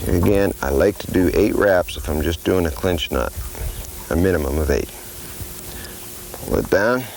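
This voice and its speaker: An older man with a fairly low voice gives a hands-on fishing tutorial. He explains plainly and step by step as he ties his rigs. A faint noise sits behind his voice. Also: normal speed, creaky, rough recording. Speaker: fishing instructor.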